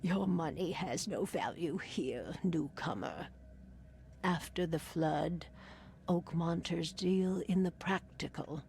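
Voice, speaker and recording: A woman playing a sly, cryptic fortune teller in a video game, with a creaky voice and a slow, mystical, teasing delivery. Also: fairly low pitch, darkish tone, slight background noise. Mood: sly, bargaining. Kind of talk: video game character acting.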